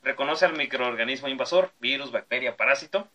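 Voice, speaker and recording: Bright-voiced man reading notes. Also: mid-range voice, fairly quick. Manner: reads steadily, breaks into laughs at jokes. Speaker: podcast host. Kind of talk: reading history notes in casual chat.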